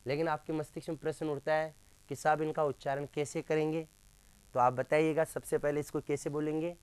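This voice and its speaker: In a classroom grammar lesson, a male teacher keeps quizzing his students and slowly repeats sounds for them. His voice is on the high side, fairly flat in pitch, a little mellow, with a clean tone and no echo.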